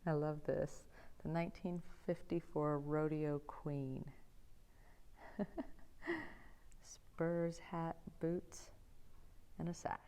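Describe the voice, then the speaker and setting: Chatty upbeat woman with a low voice. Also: flat delivery, slow, mellow, clear, resonant tone, poor audio. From United States. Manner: chatty and upbeat, laughs often. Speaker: vlogger on a road trip. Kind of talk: casual travel vlog. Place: indoors in a small museum, talking quietly.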